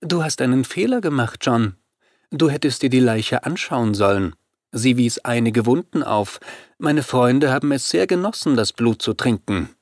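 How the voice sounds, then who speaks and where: A man voicing a scornful female vampire queen who speaks calmly and mockingly in an audiobook. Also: mid-range voice, normal speed, no room sound, clean studio sound, lightly acted.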